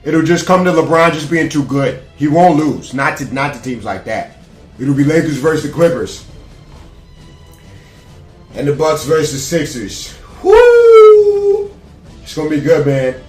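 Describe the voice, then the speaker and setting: A man's voice: a little high, normal speed, reverberant, soft background music. A man casually giving sports playoff predictions to camera, brash and rambling, with plenty of trash talk and fillers. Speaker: sports vlogger.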